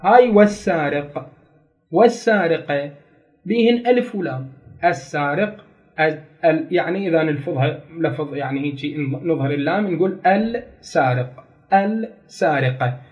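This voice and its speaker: A man's voice: on the high side, fairly quick, a little mellow, poor audio. A man teaching a grammar lesson, explaining step by step, repeating key terms and putting questions to his students. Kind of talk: classroom lecture.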